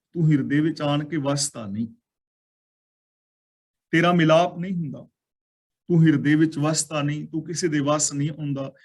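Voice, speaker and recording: A man explaining scripture. He recites each verse line slowly and drawn out, then explains it word by word. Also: on the high side. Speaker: scripture teacher.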